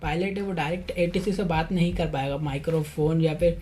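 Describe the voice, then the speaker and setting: This fairly high-pitched, slightly mellow male voice moves at a brisk pace. He presents a casual educational explainer, going over points repeatedly and speaking to listeners as friends. Faint music plays behind him.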